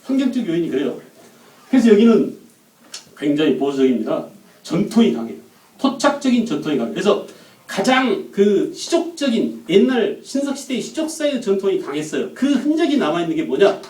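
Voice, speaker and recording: A man lectures on history to a live class, often stopping to question the room. His voice sits high yet mellow. He is picked up from some distance away, and the room rings with echo. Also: sing-song, a little fast. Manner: questions the class and acts out quotes. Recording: echoey room, mic at a distance.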